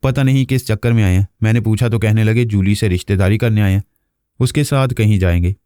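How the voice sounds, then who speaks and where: A male storyteller reading a novel aloud with a low, mellow voice. His delivery is steady and even, and the sound is dry and close with no room around it. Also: fairly quick, smooth, no echo. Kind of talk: novel narration.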